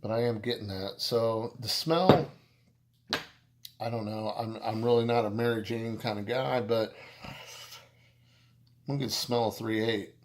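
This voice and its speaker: A man talks through a beer review in a casual, meandering way, and his voice sits a little low. He keeps stopping and restarting his sentences and padding them with fillers. He slips in self-deprecating jokes as he goes. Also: slight background noise. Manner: rambling, halting, with many restarts and fillers.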